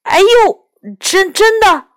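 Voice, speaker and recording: A woman's voice: mid-range voice, lively intonation, takes it slowly, no echo, studio quality. A woman reading a storybook aloud, voicing a fussy, squeamish schoolboy. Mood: sheepish.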